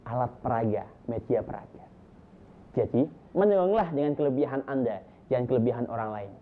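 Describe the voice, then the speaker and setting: A man's voice: mid-range voice, brisk, narrow, tinny audio. Guy teaching how to tell stories, punchy and upbeat, sounds like its thru a phone. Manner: lively, emphatic, lists points with rising energy. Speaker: storytelling teacher. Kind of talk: instructional talk to storytellers.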